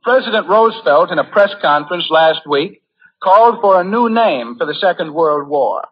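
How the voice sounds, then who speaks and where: In a 1940s radio address, a US war correspondent reads a formal, earnest prepared speech at a moderate pace. His husky voice sits high with lively intonation, heard through a muffled, lo-fi recording of the era.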